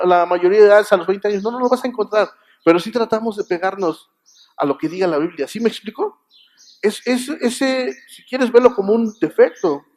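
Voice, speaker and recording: A man with a Mexican Spanish accent delivers a Sunday sermon in a church. His voice sits high for a man, and he speaks conversationally, stopping to ask the congregation if they agree. He often restarts and repeats words. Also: a little mellow. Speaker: preacher.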